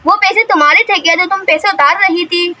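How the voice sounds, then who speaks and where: A woman's voice: very high-pitched, brisk, pushed and bright, pitched above the performer's own voice, exaggerated voice. A woman voicing a stern mother who scolds her daughter. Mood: angry.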